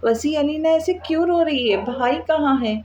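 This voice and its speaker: A woman's voice: sits high, normal speed, a little mellow, roomy sound, lo-fi sound, slight background noise, pitched above the performer's own voice, lightly acted. A woman voicing an anxious young woman in a read-aloud novel, asking worried questions.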